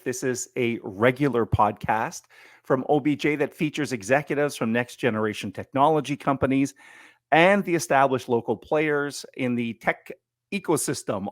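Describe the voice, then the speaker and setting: A man's voice: mid-range voice, dry recording. Man, podcast host, chatty, joking, dry close sound. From Ottawa. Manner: chatty, joking, with fillers and restarts. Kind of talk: interview podcast.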